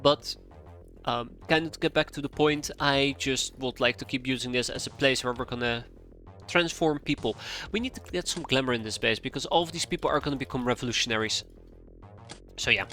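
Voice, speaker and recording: A man in his thirties, stuffy-nosed from a cold, commentates a live strategy game stream and chats with viewers. His voice is bright and forceful at an ordinary male pitch, a little fast, and he rambles, thinks aloud and gets easily sidetracked over soft game music.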